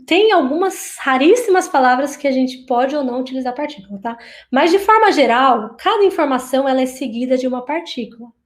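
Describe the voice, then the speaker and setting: Woman, high voice, Japanese teacher, online lesson, lively, slow repeated phrases.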